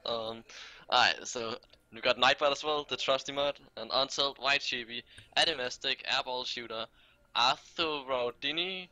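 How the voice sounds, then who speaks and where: A man's voice: mid-range voice, normal speed, bright, forceful tone, no room sound, poor audio. A man co-hosting a livestream, laid-back and joking as he reads off a list of viewer names. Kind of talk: casual livestream chat, reading a list of names.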